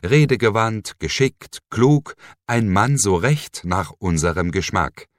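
A man's voice: fairly low pitch, lively intonation, slow pace, dry recording, clean studio sound, pitched above the performer's own voice. A man voicing a mocking, menacing villain who sneers and hisses, in an audiobook reading. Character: mocking sinister man, cold cult leader.

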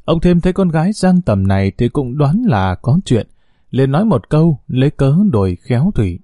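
A man reads a scripted story in a steady, unhurried narrator's voice. His tone is dark and mellow, and the recording sounds dry and close. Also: mid-range voice, no room sound.

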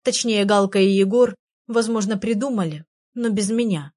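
A woman's voice: mid-range voice, normal speed, darkish tone, close to an everyday voice. A woman reading the lines of an upset teenage girl who mutters and holds back tears. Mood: hesitant. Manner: muttering, tearful.

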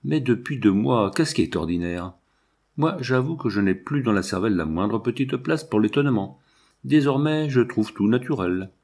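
A man voicing a gruff, bored male doctor in his fifties who talks heavily and indifferently. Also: medium pitch, lively intonation, moderate pace, darkish tone. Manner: heavy, indifferent. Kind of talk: audiobook reading.

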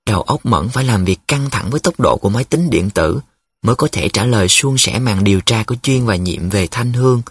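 A man reading a novel aloud as an audiobook narrator, in steady storytelling tone. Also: lowish voice, husky, dry recording, clean studio sound. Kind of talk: scripted narration.

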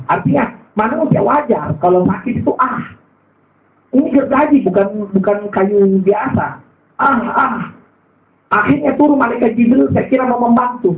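A man preaching a sermon with a Makassar Indonesian accent, telling stories with lively voiced quotes and humor. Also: high-pitched. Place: mosque or gathering hall. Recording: echoey hall, thin phone-like sound.

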